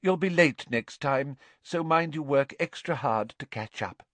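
A man voicing a misty, dramatic female divination professor who foretells doom in a faint, drawn-out, theatrical way. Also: fairly high pitch, expressive, a bit bright, no room sound, pitched above the performer's own voice.

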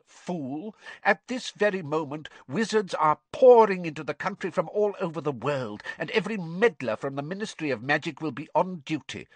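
A cold, imperious male dark lord, hissing and breathy. He is frail yet full of menace, his husky voice swinging widely between soft contempt and sharp command. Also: on the high side, dry recording, voice pushed up. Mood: scornful, impatient. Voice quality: breathy, hissing near-whisper.

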